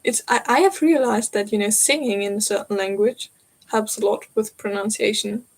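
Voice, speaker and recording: A woman in her twenties with a German accent hosts a live crafting stream from home, chatting casually, giggling, and answering chat comments. Her mid-range voice holds a steady tone at a normal speed, and the recording is rough.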